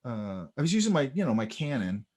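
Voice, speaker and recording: A man teaching a sketching class in a relaxed, chatty way, telling stories while he points out details in drawings. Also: mid-range voice, a little fast. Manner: animated, storytelling, talks over drawings. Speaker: art instructor. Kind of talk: casual teaching chat.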